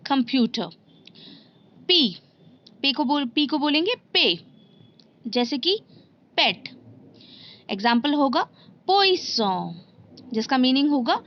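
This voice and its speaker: Slow, patient woman teaching. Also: high-pitched, highs cut off, a little hiss or hum. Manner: patient, repeats each letter and asks rhetorical questions. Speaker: language teacher. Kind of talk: slow step-by-step lesson.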